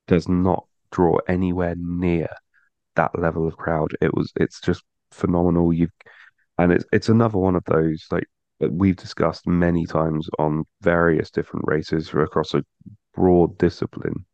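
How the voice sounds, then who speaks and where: A man's voice: low-pitched, level tone, normal speed, creaky, darkish tone, dry recording, highs cut off. A man co-hosting a motorsport podcast in casual chat, rambling and restarting his sentences. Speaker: podcast co-host.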